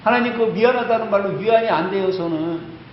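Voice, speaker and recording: A man's voice: sits high, brisk, slight background noise, close to an everyday voice. A male pastor voicing a hurt, sulking church deacon who complains and pleads after being kept waiting. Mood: sulky. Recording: echoey church hall, slightly dull sound.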